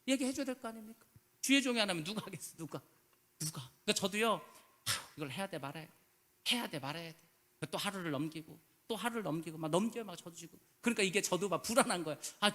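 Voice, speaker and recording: Fast, bright-voiced man preaching in a reverberant hall. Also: high-pitched. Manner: emphatic, rhetorical questions, casual speech endings. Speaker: pastor. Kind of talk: sermon. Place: church sanctuary.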